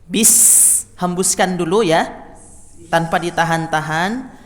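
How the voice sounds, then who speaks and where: A man's voice: a little high, a little slow, roomy sound, long reverb tail. An Indonesian man teaching Quran recitation, over-enunciating as he stresses and draws out syllables in instruction and chanted demonstration.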